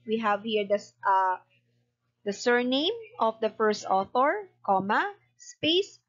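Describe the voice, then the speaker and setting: Lady teacher dictating stuff bit by bit, really slow n methodical, kinda muffled lofi audio. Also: medium pitch, expressive. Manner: dictating punctuation and spelling item by item; repetitive, methodical. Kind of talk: instructional lesson, explaining citation format step by step.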